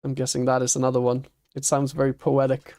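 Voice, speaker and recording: A man's voice: medium pitch, monotone, quick pace, a little mellow. A man streaming a building game, thinking aloud and chatting with viewers, laughing easily. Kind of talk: casual chat while playing a building game.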